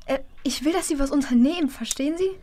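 A caring mother in an amateur audio drama, acted by a woman. She sounds protective and insistent, with a somewhat high voice in a dry recording. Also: quick pace, dark tone, no echo, lightly acted. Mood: alarmed, demanding.

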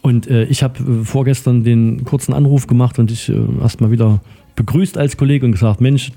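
Gravelly-voiced male radio host. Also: mid-range voice, fairly even intonation, a little fast, dark tone. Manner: rambling, filler-heavy, friendly questions. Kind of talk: casual interview chat.

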